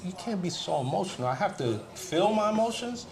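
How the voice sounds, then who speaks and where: A man from the United States in a candid group discussion, speaking in halting phrases while searching for words. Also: sits high, very animated, creaky. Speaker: panel speaker. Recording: crowd murmur behind. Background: crowd murmur.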